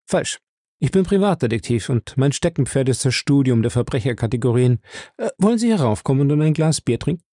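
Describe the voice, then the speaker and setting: A man's voice: medium pitch, expressive, a little fast, dark tone, no room sound, studio quality, close to an everyday voice. A man reading aloud, voicing a cheerful, sly American private detective in a raised, teasing voice.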